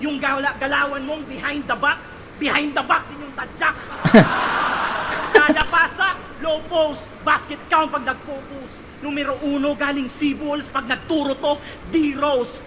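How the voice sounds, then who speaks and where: A man performing a battle rap verse, taunting his opponent with punchy lines and shouted punchlines. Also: extremely high pitch, fairly even intonation, unhurried, noisy background. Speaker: battle rapper.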